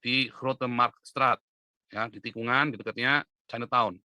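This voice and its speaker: A man preaching in a casual monologue, dropping to low asides and then rising to loud, insistent urging, often ending with a tag question. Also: fairly even intonation, a little slow, no echo, muffled recording. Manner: emphatic, swings from low asides to loud insistent urging, frequent "ya kan?" tags. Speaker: preacher and online commentator. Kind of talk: casual direct-to-camera monologue.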